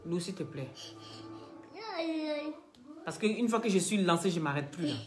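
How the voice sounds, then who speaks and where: A woman hosting a live stream, teasing and scolding commenters in a chatty way and pitching products to viewers. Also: animated, measured pace, faint music behind. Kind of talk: casual live-stream chat and sales pitch.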